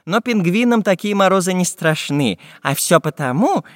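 A man's voice: high-pitched, lively intonation, moderate pace, dry recording, clean studio sound, big-room sound, pitched above the performer's own voice. A man voicing a learned old professor in a storybook tale, explaining things in a patient lecturing manner.

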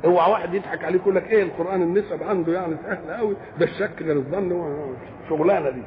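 A high-pitched, gravelly man with an Egyptian Arabic accent gives a religious lecture. He asks his own questions, then answers them, and recites verses slowly. The sound is tinny and phone-like, with a faint hiss. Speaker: Quran commentator.

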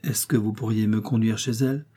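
A modest, kind-hearted doctor , voiced by a male narrator, speaking gently and without hurry. His audiobook voice is dark and mellow, with a breathy softness. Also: on the low side, steady tone. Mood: gentle. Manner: gentle, measured. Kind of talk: audiobook character voice.

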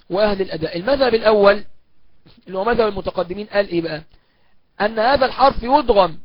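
High-voiced Egyptian man teaching recitation. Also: dry recording. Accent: Egyptian Arabic. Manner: explains step by step in colloquial speech, then chants each example slowly. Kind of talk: recorded lesson on recitation rules. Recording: dull, muffled lo-fi recording.

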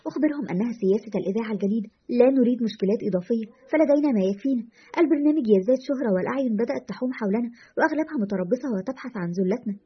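A stubborn, rebellious radio host with a dry, defiant way of talking, voiced by a woman reading a story. The voice is a little high and husky, and the lines go fast. The recording sounds dull and lo-fi. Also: animated.

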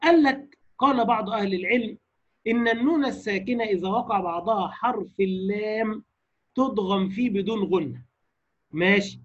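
High, husky Egyptian recitation teacher. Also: male voice. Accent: Egyptian Arabic. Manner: explains then slowly demonstrates recitation, asks the class rhetorical questions. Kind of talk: lecture on tajweed rules. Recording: dull lo-fi recording.

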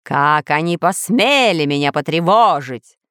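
A woman whose voice sits low, a bit bright and smooth, with lively intonation and an unhurried pace, narrates a storybook. She plays a pompous, threatening male scientist who boasts of ruling dinosaurs, in a dry, clean studio recording.

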